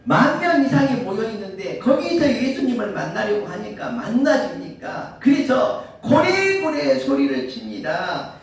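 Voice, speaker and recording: A man's voice: high voice, sing-song, normal speed, crowd noise. A male pastor preaching a sermon, asking his listeners rhetorical questions. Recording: very echoey room, mic far off.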